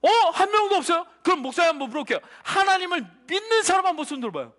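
A man's voice: extremely high pitch, big pitch swings, rapid-fire, pushed and bright. A male pastor giving a children's sermon, telling a story and asking the children questions. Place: church sanctuary. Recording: church hall reverb.

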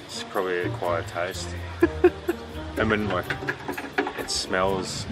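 A man's voice: low-pitched, steady tone, slow pace, over loud music. A man in his thirties chatting casually and bluntly in short remarks, as a vlogger does. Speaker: travel vlogger doing food challenges. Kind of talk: casual chat. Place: outdoors at roadside food stalls. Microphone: camera at about arm's length or across a table. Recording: loud street and traffic noise.

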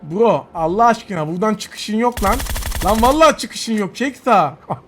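Young male gaming YouTuber, high voice, excitable trash-talking play-by-play, faint hiss behind. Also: normal speed. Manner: excitable, mocking and cursing at opponents. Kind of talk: live gameplay commentary.

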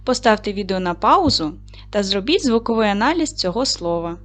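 A woman teacher leads a recorded lesson for young schoolchildren. She speaks clearly and patiently, with an encouraging warmth toward the class. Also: medium pitch, lively intonation, brisk. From Ukraine. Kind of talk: video lesson for second graders.

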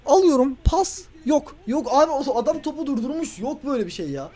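A man giving let's play commentary on a football video game, ranting at the referee and swinging between loud outbursts and low grumbling. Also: sing-song, fairly quick. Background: faint background music.

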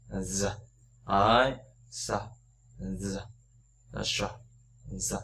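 A man teaching pronunciation in a casual spoken lesson, repeating sounds slowly so learners can copy them. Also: medium pitch, bright, forceful tone, a little hiss or hum.

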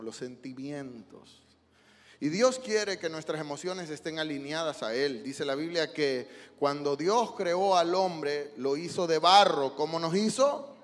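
A male pastor preaching an emotional sermon in a church, swinging from hushed lines to loud cries. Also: a little high, long reverb tail. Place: church sanctuary.

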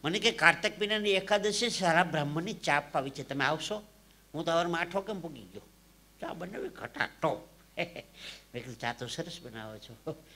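A man from Saurashtra, telling comic stories live on stage into a microphone. His delivery swings from hushed asides to loud punchlines. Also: fairly high pitch, lively intonation, fairly quick. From Saurashtra, Gujarat. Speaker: stage comedian and storyteller. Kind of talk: live folk comedy storytelling.

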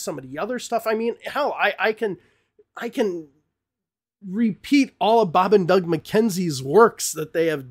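A middle-aged, higher-pitched English teacher and channel host, a native English speaker, rants emphatically to camera, repeating words and gesturing broadly with his hands. He sits in a small indoor home studio with bookshelves, speaking into a podcast mic close on the desk before him.

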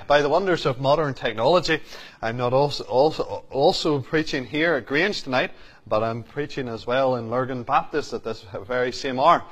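A man's voice: mid-range voice, a bit bright. A man, speaking as pastor at a church service: he gives earnest, prayerful thanks, repeats key phrases, and reads scripture aloud. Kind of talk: church service address and Bible reading.

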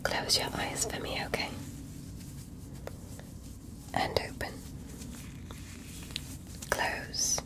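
In this gentle ASMR medical roleplay, a woman plays an inquisitive, courteous alien doctor who methodically whispers her questions. She speaks extremely slowly and pauses often.

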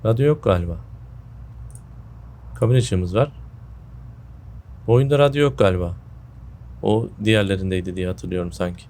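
A man in his thirties talks in a fairly low voice. He comments casually on a game as he plays, sounding a bit under the weather with a sore throat. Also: moderate pace, long pauses, darkish tone. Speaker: gaming video host. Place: indoor room at home.

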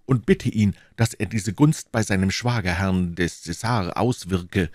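A man's voice: sits low, a little slow, darkish tone, no echo, clean studio sound. A man voicing a bold, devoted young swordsman in an audiobook, eager and declamatory. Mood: ardent. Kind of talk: audiobook reading, acted dialogue.

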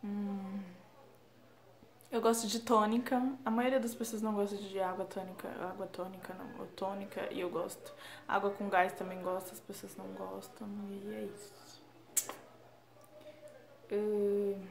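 A woman's voice: mid-range voice, reverberant. A young woman from Brazil talking casually in a self-deprecating, chatty way as a vlogger at home. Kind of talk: casual chat.

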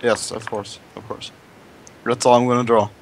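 A man's voice: mid-range voice, level tone, moderate pace, a little hiss or hum. A man with a slightly cracked voice chatting casually and giggling often while he draws in an online game.

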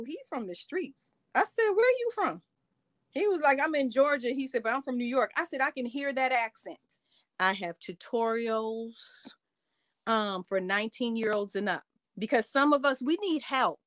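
A woman's voice: on the high side, expressive, moderate pace, a bit bright, dry recording. A middle-aged woman hosting a casual livestream, playfully teasing and talking straight to her viewers. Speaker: livestream host.

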